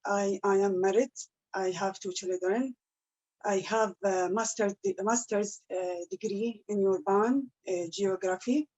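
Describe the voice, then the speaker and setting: A woman from Iraq, talking through a cooking demonstration over a video call in careful, halting English. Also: medium pitch, steady tone, a little mellow. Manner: slow, halting, careful English with many pauses. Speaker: cooking class presenter. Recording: muffled video call audio.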